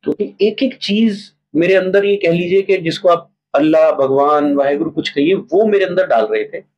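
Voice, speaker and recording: A man's voice: sits high, moderate pace, vocal fry, highs cut off. A man who writes and stages plays, talking casually in an interview and acting out little examples as he tells stories. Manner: animated storytelling, acts out examples. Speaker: playwright and theatre director.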